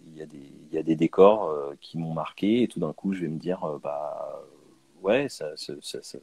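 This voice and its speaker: A man born in Canada, answering interview questions about his comic art in a hesitant, relaxed way, with many fillers and restarts. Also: extremely low pitch, moderate pace, gravelly, slightly rough, dry recording. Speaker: guest comic artist.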